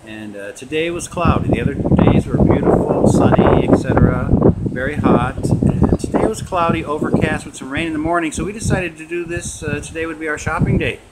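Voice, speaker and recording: A man's voice: fairly high pitch, fairly quick. Rambling man showing coins, noisy recording. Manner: relaxed and rambling, with many "uh" fillers. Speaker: coin collecting vlogger. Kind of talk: casual show-and-tell vlog. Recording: noisy home video recording.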